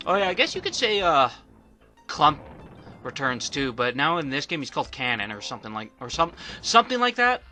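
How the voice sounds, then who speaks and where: Man, bright tense voice, casual gameplay commentary, repeats word starts, soft game music behind. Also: fairly high pitch, sing-song, brisk. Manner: rambling, often stutters on the first syllables of words. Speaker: let's play commentator.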